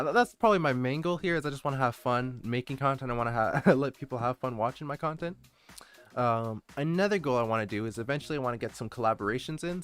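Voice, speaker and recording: A male VTuber chats with his livestream viewers as he introduces his channel, rambling, hesitant and prone to distraction, with music playing in his indoor setup. His voice is medium-pitched and fairly bright.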